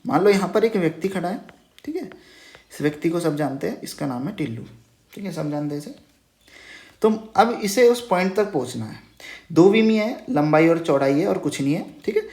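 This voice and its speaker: Animated and fairly quick, a man with a fairly high, slightly mellow voice teaches math in Hindi on a whiteboard. The room echoes, and he patiently repeats key terms as questions, saying "okay" after almost every phrase.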